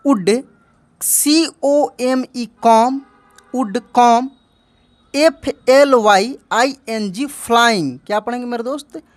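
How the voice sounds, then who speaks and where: A woman teaches reading in a slightly high voice, spelling each word out letter by letter. She talks slowly and keeps calling the listener "my friend". The recording is dry and close, with no room sound. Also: no room sound. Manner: spells words letter by letter, then repeats them and asks "what will we read?". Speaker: English teacher. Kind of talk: online spelling and reading lesson.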